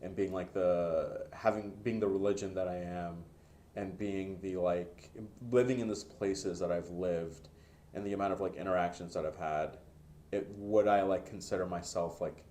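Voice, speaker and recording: A man's voice: sits low, fairly even intonation, moderate pace, dark tone, a little hiss or hum. A man hosting a podcast, asking questions in a loose, searching way, with many fillers. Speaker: podcast host. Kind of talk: casual interview chat.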